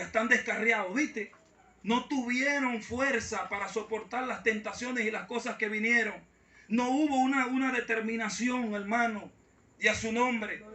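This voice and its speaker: Recorded at a distance in an echoey church hall, this man preaches and repeatedly calls out to his congregation. He is a pastor with a very high-pitched, bright and forceful voice.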